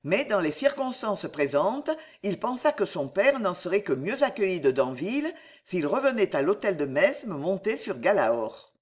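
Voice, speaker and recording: A narrator reading a historical adventure novel aloud in a measured storytelling manner. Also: mid-range voice, big pitch swings. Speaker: audiobook narrator. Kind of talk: literary audiobook narration.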